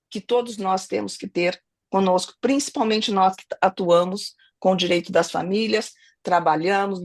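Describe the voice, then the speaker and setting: Hoarse from a cold, a middle-aged woman with a Brazilian Portuguese accent speaks earnestly as a family lawyer and mediator in an online webinar over a video call. Her voice is mid-range with no room sound, and she often restarts phrases and adds tag questions.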